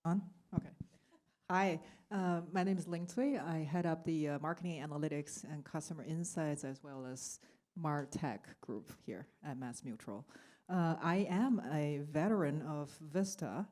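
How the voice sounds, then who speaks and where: A woman introducing herself on a conference panel as an analytics executive, a little hesitant, with frequent pauses. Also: sits low, dark tone. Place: conference stage with audience.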